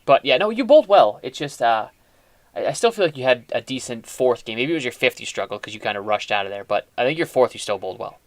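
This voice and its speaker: A man's voice: mid-range voice, expressive, fast talker, dry recording. A man hosting a casual chat, talking in a chatty, rambling way with frequent restarts. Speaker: host.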